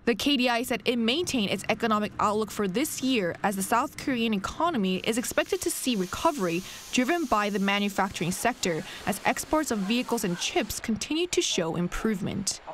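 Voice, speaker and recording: Woman reporter, deliberate news voiceover. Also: on the high side, lively intonation. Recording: faint background noise.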